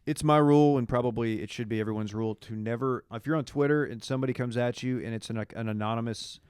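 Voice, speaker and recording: Smooth-voiced joking podcast co-host. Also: male voice, medium pitch, fast talker, a little mellow, dry recording, clean studio sound. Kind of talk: casual chat.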